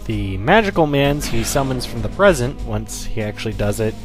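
A man's voice: mid-range voice, animated, normal speed. A man giving casual, wry, explanatory commentary as he plays a video game. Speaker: let's play host. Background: loud game music.

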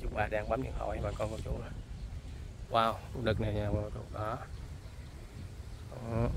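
A man's voice: on the low side, flat delivery, unhurried, creaky, background noise. A man with a Southern Vietnamese accent, chatting casually to his viewers while filming outdoors in the countryside. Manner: chatty, keeps addressing viewers as folks. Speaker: vlogger. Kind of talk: casual on-location vlog chat. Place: rural outdoors near buffalo and water.

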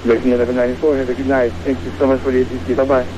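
A man's voice: medium pitch, flat delivery, racing. A man on a pilot's headset radio link, giving clipped readbacks to a controller. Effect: pilot's voice over a headset radio link. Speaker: airline pilot on simulator radio. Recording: muffled radio with loud background hiss.

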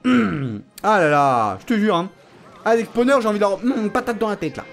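Excitable young man trash-talking through a game. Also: high voice, fairly quick, faint music behind. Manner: excitable, playfully trash-talking, laughing often. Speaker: gaming channel host. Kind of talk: casual gameplay commentary.

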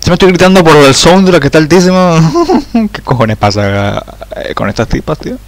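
A man playing a horror game and commenting excitedly, swearing loudly and dropping English exclamations into his talk. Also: fairly high pitch, a little fast, no echo. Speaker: let's play gamer.

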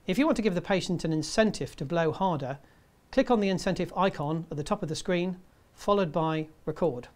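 A man in his fifties presenting a scripted tutorial in a measured, step-by-step way. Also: high voice. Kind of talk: scripted instructional narration.

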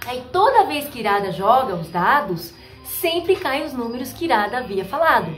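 High-voiced woman telling a story. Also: normal speed. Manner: lively, laughs often, says "né". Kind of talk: casual storytelling with acted quotes. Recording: roomy with faint music behind.

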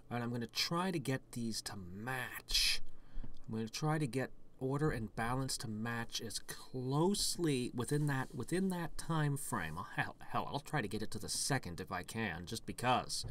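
Guy slowly talking thru his idle game run, mid-pitch voice, muses out loud, dry jokes about himself. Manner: unhurried, thinking aloud, rambling with restarts. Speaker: gaming channel host. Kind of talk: let's play commentary.

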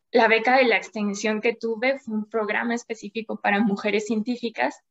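Over a dull-sounding video call, a young Mexican woman who works as a climate scientist chats as an interview guest in a medium-pitched voice. She is thoughtful and talks at length, with little laughs in between.

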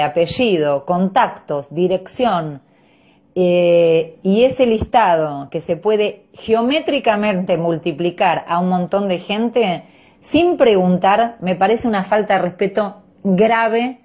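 A woman's voice: lowish voice, darkish tone. A woman with a posh Buenos Aires Argentine accent, haughty and indignant, scolding someone in a voice message. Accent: Buenos Aires Argentine Spanish. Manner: posh, haughty upper-class way of talking. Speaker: private parent complaining to another parent. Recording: muffled lo-fi phone voice message.

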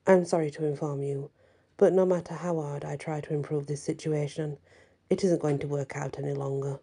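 A woman voicing a cold, disdainful older male ballet master in a soft ASMR story, with clipped, stern delivery. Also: deep voice, steady tone, a little fast, breathy edge.

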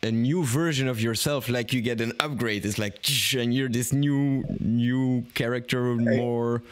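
A man's voice: mid-range voice, fairly even intonation, unhurried. A young man in his twenties hosting a podcast from a small home studio, talking thoughtfully and often searching for words. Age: 20s. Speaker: podcast host. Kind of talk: casual podcast conversation. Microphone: studio microphone on an arm, headphones on.

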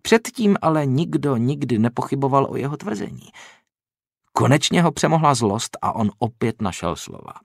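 Gravelly male audiobook narrator. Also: medium pitch, big pitch swings, no room sound, clean studio sound. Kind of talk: scripted narration.

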